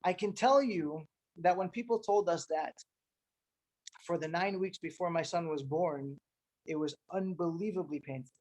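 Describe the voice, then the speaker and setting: Middle-aged man, higher-pitched voice, earnest teaching tone, peppers his talk with Hebrew and Yiddish terms. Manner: earnest, repeats words for emphasis, sprinkles in Hebrew and Yiddish terms. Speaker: rabbi addressing fellow Chabad emissaries. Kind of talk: informal training talk.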